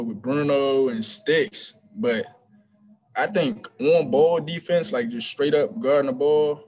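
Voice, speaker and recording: A young adult male college basketball player answers postgame press questions over a video call webcam, seated in a small room in front of a team backdrop. He sounds relaxed but hesitant, with many ums and restarts, in a medium-pitched voice.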